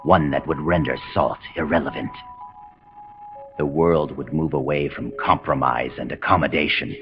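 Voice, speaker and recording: Here a rumbling, low male voice delivers a full character performance of a grandiose engineered super-soldier, a cold and commanding rogue officer who speaks in measured, imperious monologues. It's dramatic video game voice acting, heard as dull compressed audio under loud music.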